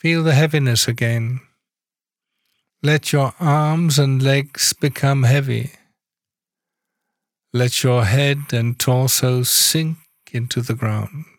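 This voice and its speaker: A man leading a guided body-awareness meditation, giving calm, soft-spoken instructions with long pauses between phrases. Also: mid-range voice, no room sound, clean studio sound.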